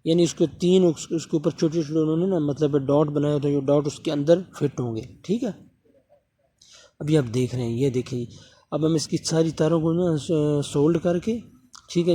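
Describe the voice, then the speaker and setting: A man from Pakistan walks viewers through a motor repair at his workbench, chatting as his hands work and checking in with them again and again. His voice sits a little high with a mellow, soft-edged tone. A faint hiss runs under the recording. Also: fairly even intonation. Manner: talks while working, often asking viewers to subscribe; repeats fillers and checks in with the viewer. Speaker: electronics repair technician.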